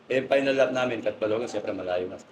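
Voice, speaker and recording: A man's voice: on the low side, fast talker, a little hiss or hum, rough recording. Laughing man telling pigeon-race stories. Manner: animated anecdotes, laughing often; polite, says "po" and "sir". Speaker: guest pigeon racer. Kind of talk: casual storytelling interview.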